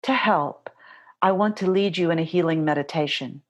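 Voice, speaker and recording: A woman giving gentle, reassuring instruction as a meditation guide, speaking directly to the listener in deliberate phrases. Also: sits low, highs cut off.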